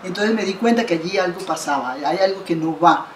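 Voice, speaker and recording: A Colombian woman in her fifties, guest in an interview and founder of an association, speaks fairly quickly in a lowish voice, over a noisy background. Her earnest conversational telling is full of restarts and repeated words, and she gestures throughout. The setting is a bright indoor living room by a window with roomy acoustics.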